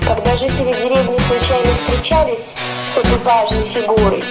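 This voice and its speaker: Storybook fairy-tale usurper played by a woman, resentful, pompous and grumbling, in a raised register over loud music. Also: a little high, steady tone, moderate pace, echoey room, natural voice. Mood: smug, resentful. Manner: self-important, grumbling, theatrical. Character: Urfin Jus, scheming resentful man, vain would-be ruler of fairyland.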